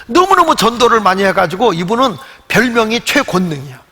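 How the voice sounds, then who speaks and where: A man's voice: sits high, brisk. An older man pastor preaching a Sunday sermon in a church, telling stories and acting out the voices of the people in them. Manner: animated storytelling, acts out quoted voices. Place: church sanctuary. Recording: long hall reverb.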